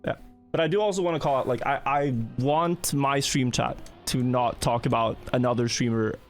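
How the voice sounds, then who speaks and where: A man's voice: medium pitch, steady tone, normal speed, soft background music. A man hosting a live gaming stream, chatting casually and often repeating words as he talks. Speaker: streamer host.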